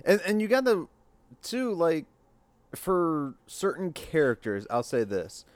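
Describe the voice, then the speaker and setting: A man's voice: a little high, very animated, slow pace, no room sound. A man with a stoner voice, chatting casually in a laid-back, rambling way. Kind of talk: casual chat.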